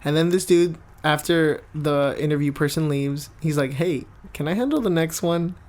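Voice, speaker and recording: A man's voice: fairly high pitch, moderate pace. A young man co-hosting a podcast, teasing his friend and swearing casually as he recalls a story. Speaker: podcast co-host. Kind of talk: casual chat.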